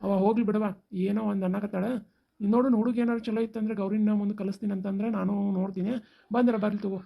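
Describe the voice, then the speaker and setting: A woman's voice: mid-range voice, level tone, creaky, muffled recording. A woman voicing a worried, reasonable village father with a North Karnataka accent in a cartoon. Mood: placating. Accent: North Karnataka Kannada. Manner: placating, hurried.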